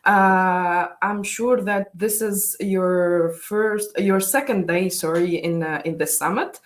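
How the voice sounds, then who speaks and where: Hosting a live online panel, a young adult from Tunisia with a Tunisian accent and a mid-range voice mixes English, Arabic and French. Tunisian Arabic is her native language, and her moderating is halting and full of fillers.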